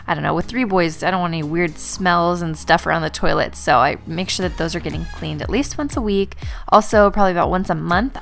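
A woman's voice: lowish voice, vocal fry. A woman in her thirties, a stay-at-home mom and vlogger, chatting casually in a voice-over about her cleaning, with plenty of fillers. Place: bedroom at home.

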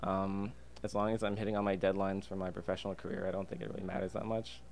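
A young Canadian man from Alberta, a freelance illustrator and designer, chats casually as a guest on a podcast. His voice is low and flat, and he talks quickly. He's recorded in a podcast booth inside a diner, with clear ambient noise in the background.

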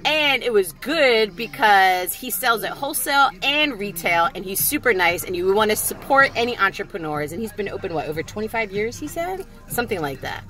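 A woman's voice: medium pitch, very animated, fairly quick, few pauses, bright, forceful tone. A woman with a Philadelphia accent hosting a casual vlog, chatting and interviewing people on a city street in an upbeat way. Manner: upbeat, chatty, laughs easily. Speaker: vlog host.

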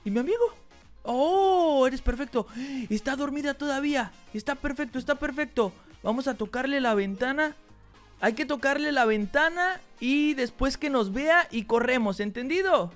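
A high-pitched host narrating a video game role-play while playing a scheming prankster. The delivery is excitable and theatrical. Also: moderate pace, faint music behind.

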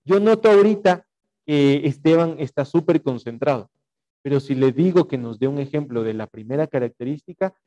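Ecuadorian spanish accent, man, online class teacher, mellow voice, somewhat high pitch, fillers and rhetorical checks. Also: expressive, normal speed, muffled recording. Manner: explanatory, dictating notes with frequent fillers and rhetorical checks. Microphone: video call.

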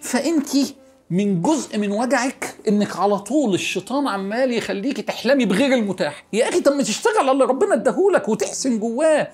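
A middle-aged man with an Egyptian accent giving an earnest, coaxing religious talk, repeating words for emphasis and sinking to a soft hush. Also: extremely high pitch, expressive, quick pace, breathy edge, faint music behind. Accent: Egyptian Arabic. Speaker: preacher.

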